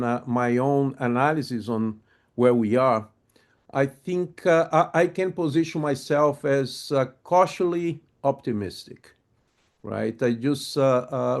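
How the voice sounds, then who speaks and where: Speaking at medium pitch with a Brazilian Portuguese accent, a man leads a friendly live webinar on project management over a video call. German and French were his first languages in the home he grew up in, before he moved to Brazil. He frequently hesitates and fills pauses.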